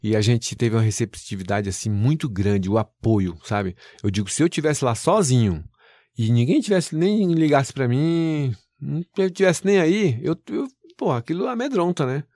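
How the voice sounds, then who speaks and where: A man's voice: medium pitch, animated, normal speed, mellow, no echo, clean studio sound. A man, working as a TV news presenter, telling his story animatedly with folksy exclamations in an interview.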